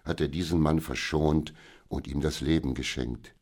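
Excitable storybook housekeeper, flustered and pleading, pitched up and pushed louder, as a deep-voiced male reader puts her on. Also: unhurried. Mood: excited. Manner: breathless, agitated, pleading. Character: excitable female housekeeper companion, middle-aged. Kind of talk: audiobook character reading.

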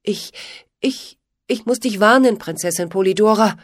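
A woman's voice: a little high, expressive, normal speed, no echo, voice pushed up. A woman voicing an earnest, worried young stable boy who stammers and pleads. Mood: pleading.

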